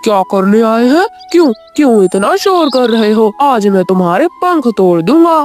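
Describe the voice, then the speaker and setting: A woman voicing a grumpy, bossy male crow in a children's cartoon, talking gruffly and making threats. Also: fairly high pitch, big pitch swings, normal speed, darkish tone, soft background music. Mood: threatening.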